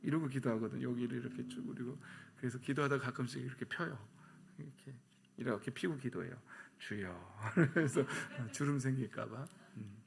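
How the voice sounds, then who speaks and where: A man's voice: mid-range voice, a little fast, creaky. A middle-aged male pastor preaching an early-morning sermon to a congregation with children, acting out the voices of people in the story. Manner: animated, acts out voices of characters in the story.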